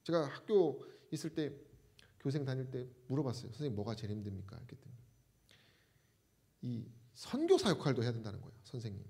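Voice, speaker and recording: A man's voice: medium pitch, very animated, a little fast, long pauses, mellow. A man preaching a sermon as a pastor, asking the congregation rhetorical questions.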